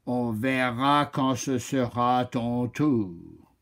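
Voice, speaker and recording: A man voicing a calm, stern old oak tree that answers slowly and without fuss. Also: medium pitch. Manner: slow, unruffled.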